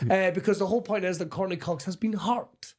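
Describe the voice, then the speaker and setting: A man's voice: high-pitched, fairly even intonation, brisk, darkish tone. A man on a comedy podcast, teasing the others in a playful, mock-stern way. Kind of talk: casual comedic chat.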